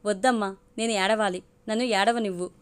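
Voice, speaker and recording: A woman's voice: mid-range voice, fairly even intonation, brisk, smooth, lightly acted. A woman voicing an earnest teenage daughter who speaks pleadingly, in an audio storybook. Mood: tearful. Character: teenage daughter, tearful and determined.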